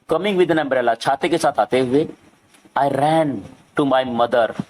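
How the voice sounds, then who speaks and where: A male English teacher explaining a lesson to children in Hindi, reading the English lines slowly and going over them again and again. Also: medium pitch. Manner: slow, repetitive, reads English lines word by word.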